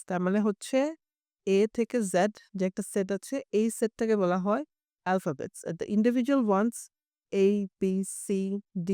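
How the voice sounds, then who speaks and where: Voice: mid-range voice, a little mellow, smooth, dry recording, studio quality. An IELTS teacher with a Bengali accent gives a bilingual lesson, explaining carefully and repeating example words to demonstrate them.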